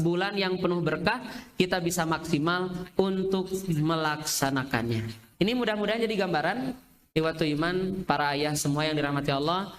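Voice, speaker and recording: A man with a Sundanese accent giving an Islamic study talk to fathers, lively and chatty, often calling his listeners "Pak" and jumping up in pitch when he acts out examples. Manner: swings sharply up in pitch when acting out examples.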